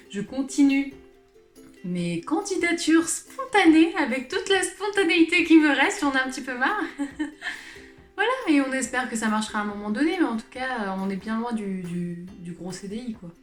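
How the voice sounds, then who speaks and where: A woman's voice: a little high, expressive, normal speed, a bit bright. A woman in her late twenties, born in Switzerland to a Portuguese family, talking casually to camera as a vlogger, colloquial and self-mocking, rambling with sighs and small laughs. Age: late 20s. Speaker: vlogger, channel host. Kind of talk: casual confessional chat to camera. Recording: roomy echo with music underneath.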